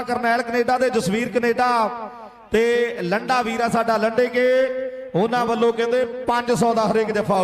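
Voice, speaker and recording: A man with an Indian Punjabi accent giving excited rural sports commentary and announcements, repeating phrases in a chant and addressing listeners as friends. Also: very high-pitched. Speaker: kabaddi match commentator and announcer. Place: outdoor village kabaddi tournament ground. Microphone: public-address microphone. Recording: echoey PA system, crowd noise.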